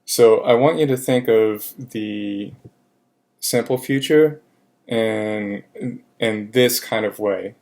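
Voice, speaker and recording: Male French teacher, low voice, slow and patient, repeats examples, uses fillers. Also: a little mellow. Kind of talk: recorded grammar lesson.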